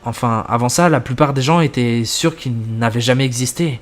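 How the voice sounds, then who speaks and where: A man reading the lines of an elderly woman who explains old curses in a calm, measured way, in a scripted horror story. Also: medium pitch, lightly acted. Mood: grave.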